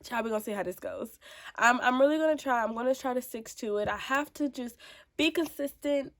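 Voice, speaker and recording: A woman's voice: a little high, brisk, fairly bright tone. A woman in her twenties vlogging about motherhood, talking casually and emphatically to her viewers, with a stuffy, congested voice. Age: 20s. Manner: chatty and emphatic, calls viewers child and baby. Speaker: mom vlogger. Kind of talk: casual vlog talk to camera.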